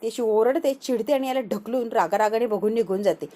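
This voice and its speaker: A woman's voice: on the high side, a little fast, warm tone. A woman with a Marathi accent recapping a TV serial episode in voice-over, retelling scenes and acting out the characters' lines. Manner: switches between narration and acted dialogue of several characters.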